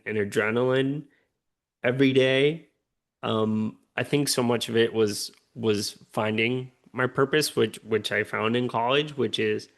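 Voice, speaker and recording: A man's voice: fairly low pitch, creaky, fairly bright tone. A man, an earnest, upbeat interview guest who often checks in with "right?". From Puerto Rico. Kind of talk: conversational interview.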